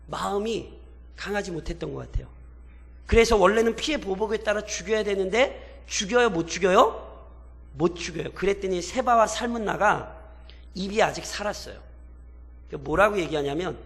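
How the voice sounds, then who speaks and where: A man with a high, bright voice preaches a sermon in a church sanctuary. He keeps asking his listeners questions and slips into colloquial, mocking quotes as he retells scripture. His voice rings out in a long hall echo. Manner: expository preaching with rhetorical questions to the congregation; acts out biblical characters in mocking colloquial quotes. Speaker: pastor. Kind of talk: sermon at a midweek prayer service.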